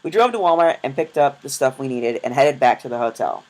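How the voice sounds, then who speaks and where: A young man tells his travel story as a casual voice-over. He is chatty and self-deprecating, with quick jokey asides. His voice sits at an ordinary middle pitch. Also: expressive, darkish tone, low-quality recording. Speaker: vlogger.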